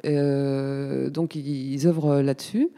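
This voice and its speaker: A woman in her fifties from Paris, talking as a guest in a casual radio interview, chatty and pausing often with fillers. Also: a bass voice, level tone, warm tone, big-room sound. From Paris, France. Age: 50s. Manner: chatty, hesitant with many fillers. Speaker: guest, community space coordinator.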